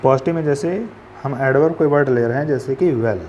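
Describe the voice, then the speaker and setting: A man gives a patient classroom grammar lesson at a middling pitch. He poses questions and answers them himself, spelling words out letter by letter. A faint noise sits under the recording. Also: brisk, darkish tone, dull audio. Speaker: English grammar teacher.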